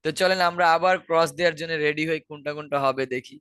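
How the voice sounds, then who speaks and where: A man's voice: on the high side, very fast, fairly bright tone, smooth, no echo. A man with a Bangladeshi accent teaching an online exam-prep class, explaining answers step by step and repeating key words. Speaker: IELTS teacher.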